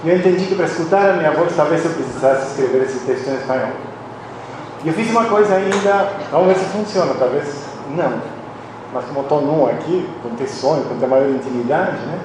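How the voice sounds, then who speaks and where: A man's voice: on the high side, fairly quick. Man lecturing in a very echoey hall. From Argentina. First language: Spanish. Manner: reflective and confessional, with frequent restarts. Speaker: conference speaker, philosophy professor. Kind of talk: personal academic lecture. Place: university conference hall. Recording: very echoey hall, voice from a distance, audible background noise.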